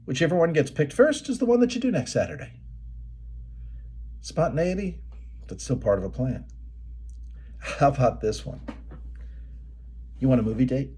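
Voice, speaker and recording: Lively folksy male presenter. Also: mid-range voice, moderate pace, pauses often, slightly rough. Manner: folksy storytelling, quoting movie lines. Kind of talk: motivational presentation.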